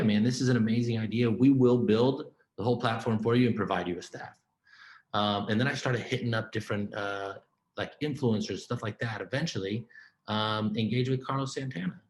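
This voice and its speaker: Low-voiced man telling his story, echoey room. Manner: casual, animated storytelling full of "man" and "right?". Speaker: keynote speaker. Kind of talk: conference keynote storytelling.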